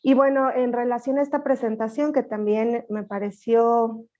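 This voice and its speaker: Polite woman asking a question, mellow voice. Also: on the high side, steady tone, normal speed, muffled recording. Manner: polite, courteous. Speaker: audience member asking a question. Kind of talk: seminar question.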